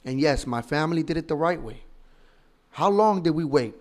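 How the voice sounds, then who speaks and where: A man's voice: a little high, animated, moderate pace. A man in his thirties from the Dominican Republic, a political commentator giving opinionated, emphatic and argumentative commentary full of rhetorical questions. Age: 30s.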